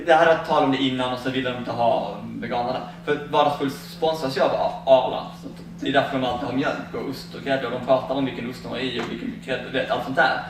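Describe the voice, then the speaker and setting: A man telling funny stories to a fair audience in a chatty, laughing way, acting out quoted conversations. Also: mid-range voice. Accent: Swedish. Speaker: vegan cookbook author giving a talk. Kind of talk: casual storytelling talk at a fair. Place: large echoey fair hall. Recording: very echoey hall, distant mic, audible noise.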